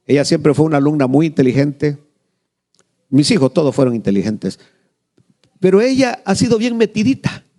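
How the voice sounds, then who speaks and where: Middle-aged male pastor, slightly high and very animated voice, storytelling sermon. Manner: animated storytelling, acts out quoted voices, asks the congregation questions.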